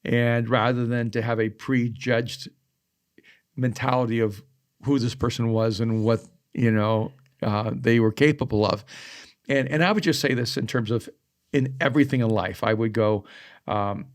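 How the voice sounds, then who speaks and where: A middle-aged man from El Salvador, earnestly telling stories in a casual podcast conversation. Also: medium pitch. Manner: earnest storytelling. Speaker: podcast co-host.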